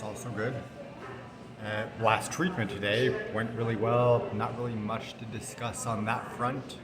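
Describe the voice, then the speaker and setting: A man talking casually to camera in a rambling, self-deprecating, matter-of-fact way, recording indoors in a hospital corner. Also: medium pitch. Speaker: vlogger documenting cancer treatment. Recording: public indoor space, background chatter.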